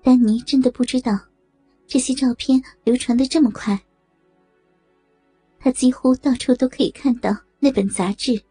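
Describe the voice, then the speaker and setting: A woman reads an erotic audio story aloud in a steady, even storytelling manner. Her voice is high yet mellow and a little breathy. The sound is close and dry, with no room around it. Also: normal speed, pauses often, dry recording, soft background music. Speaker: narrator.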